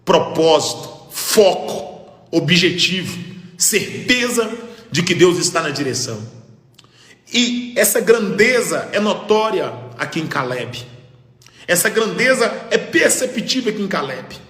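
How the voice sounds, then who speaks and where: A man preaching a fervent Pentecostal sermon as pastor, rising to shouts and breaking into tongues. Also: high voice, sing-song, a little slow, echoey room, in a large hall.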